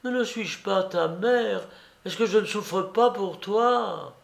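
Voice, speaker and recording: A man's voice: high voice, slow, creaky, voice pushed up, full character voice. A man reading aloud, voicing a grieving old mother who sobs and pleads with her son. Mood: tearful pleading. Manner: tearful, pleading.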